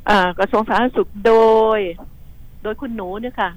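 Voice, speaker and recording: A woman's voice: a little high, fairly even intonation, moderate pace, no room sound, poor audio. A woman commentating on the news on radio, outspoken and indignant, rambling and repeating herself as she talks to listeners. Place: radio studio.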